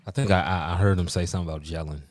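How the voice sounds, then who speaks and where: Deep, expressive male co-host, emphatic and repetitive, faint hiss on the line. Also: racing. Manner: animated, emphatic, repeats phrases. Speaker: podcast co-host. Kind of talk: casual sports chat.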